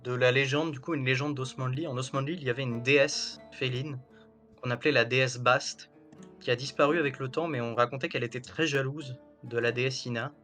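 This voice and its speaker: A male game master narrates a tabletop role-playing session. His pitch sits in a middle range for a man, and faint music plays behind him. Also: steady tone, a little fast, a bit bright.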